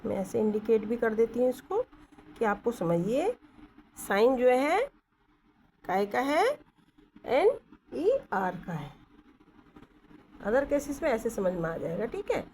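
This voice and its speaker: A woman teaching stenography in Hindi with English terms, explaining slowly and checking often whether her students follow. She holds her phone in one hand as she writes. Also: fairly high pitch, lively intonation, darkish tone, slight background noise, rough recording. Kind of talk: Hindi-English shorthand lesson. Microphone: phone held in one hand.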